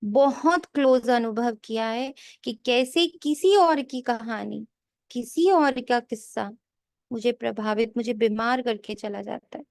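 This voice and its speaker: A woman spiritual teacher giving a sermon, slowly repeating key lines for emphasis and mixing in English phrases. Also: on the high side, creaky, a little mellow, dry recording, studio quality. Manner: mixes English phrases into her talk. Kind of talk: sermon explaining a daily scripture reading.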